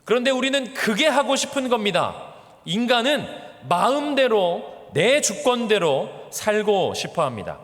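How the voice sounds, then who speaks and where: A male pastor delivering an earnest sermon, his voice swinging between raised emphasis and quiet low endings. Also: sing-song, moderate pace, big-room sound. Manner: earnest preaching with wide swings in pitch and loudness. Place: church sanctuary.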